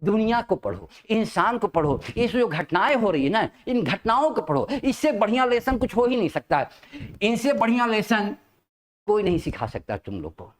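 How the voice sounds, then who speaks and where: Lively high-voiced man teaching a class. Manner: lively, drawn-out emphatic English phrases, checks understanding often. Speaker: spoken English teacher. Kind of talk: classroom lecture in Hindi and English.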